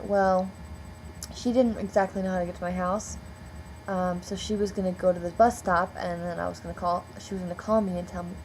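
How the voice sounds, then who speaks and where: A young American vlogger with a medium-pitched, slightly mellow voice rambles through a casual story, peppering it with "like" and "um." The audio quality is poor, with a little hiss or hum.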